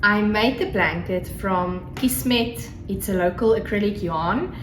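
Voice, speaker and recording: With a mid-range voice and measured pace, a South African craft podcaster, Afrikaans by home language, chats on her own in a gushing, casual vlog style. Her recording carries a roomy echo, with faint noise and a crackling fire behind her.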